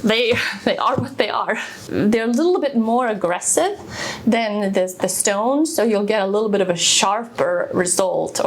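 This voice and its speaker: A woman's voice: mid-range voice, slight background noise. A woman, casually walking through a tool demonstration in her workshop, explaining each step with fillers and restarts. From Sweden. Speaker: woodworking video host. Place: home woodworking workshop.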